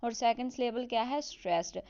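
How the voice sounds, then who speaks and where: Woman teaching, smooth clear voice. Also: on the high side, darkish tone, lo-fi sound. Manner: explains step by step with rhetorical questions; reads English definitions slowly. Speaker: online English literature teacher. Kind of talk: explanatory lesson, Hindi mixed with English terms.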